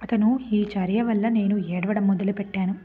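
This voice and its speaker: A woman's voice: mid-range voice, steady tone, moderate pace, a little hiss or hum. A woman narrating a dramatic first-person story, telling it with emotional, tearful-toned delivery. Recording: tinny phone-like lo-fi.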